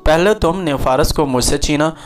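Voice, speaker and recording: A man's voice: on the high side, normal speed, lightly acted. A man reading the lines of a jealous, bitter young woman who spits spite and begs in turns, in a storybook narration. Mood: venomous.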